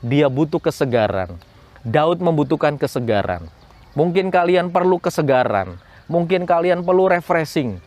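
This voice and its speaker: A man's voice: a little high, sing-song, normal speed, darkish tone. A man giving a morning devotion to schoolchildren, repeating lines and asking rhetorical questions. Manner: repetitive, rhetorical questions, preachy. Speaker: school chaplain. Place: cool outdoor spot.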